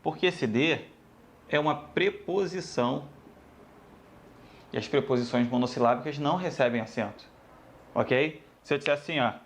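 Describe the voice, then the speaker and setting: A man's voice: mid-range voice, moderate pace, pauses often, a little hiss or hum. A man teaching a grammar lesson, addressing students casually and repeating each rule. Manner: lively, addresses students as "galera", repeats rules.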